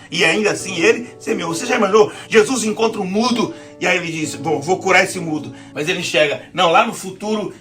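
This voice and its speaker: A woman's voice: lowish voice, fairly bright tone. A woman with a Brazilian accent preaching a sermon, often calling her listeners "querido" and asking for amens. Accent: Brazilian Portuguese.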